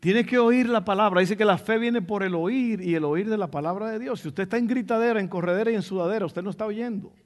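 A man's voice: sits high, fast, hardly any pauses. A male pastor preaching a sermon in a teaching tone, repeating his key phrases for emphasis.

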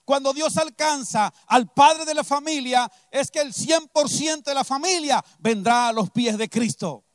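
Male pastor, very high voice, dry close sound, emphatic repeating sermon delivery. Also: unhurried, no echo. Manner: emphatic storytelling preacher, repeating key phrases.

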